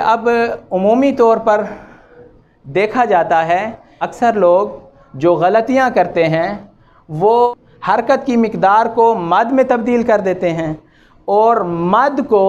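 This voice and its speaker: A man teaching Quran recitation rules, chanting examples with long drawn-out vowels and correcting common mistakes. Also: high-pitched, expressive, darkish tone, highs cut off. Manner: draws out vowels and repeats examples slowly, then corrects. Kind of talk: slow, patient tajweed lesson with chanted examples.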